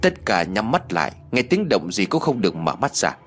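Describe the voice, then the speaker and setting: A man's voice: on the low side, very animated, moderate pace, a bit bright, soft background music. A man voicing a stern old village sorceress. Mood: commanding. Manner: curt, commanding.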